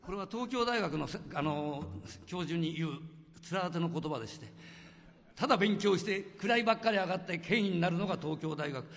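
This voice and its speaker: A man's voice: sits high, animated, brisk, gravelly, fairly bright tone. An older man from Hokkaido hosting a talk show, chatting and telling anecdotes with frequent laughter. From Hokkaido, Japan. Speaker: host. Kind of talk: casual chat and storytelling. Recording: echoey hall with faint guitar music.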